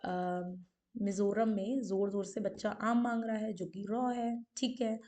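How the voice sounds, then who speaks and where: A woman's voice: mid-range voice, steady tone, measured pace, dark tone. A woman teacher giving an exam-prep lecture on folk dances. She keeps asking questions and confirming with "ठीक है". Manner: explanatory, repeats questions and "ठीक है" often.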